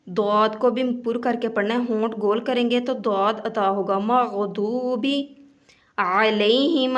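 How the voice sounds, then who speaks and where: Brief: female tajweed teacher, slightly high voice, drawn-out recitation and quick explanations. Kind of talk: tajweed lesson with slow recitation.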